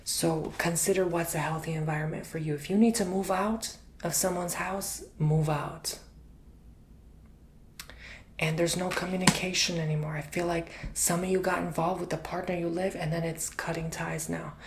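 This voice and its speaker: A man giving an intimate, chatty ASMR tarot reading, drifting between soft speech and whispers and calling the listener honey. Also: on the high side, fairly even intonation, normal speed, creaky, slight background noise. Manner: repeats words for emphasis. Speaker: tarot reader.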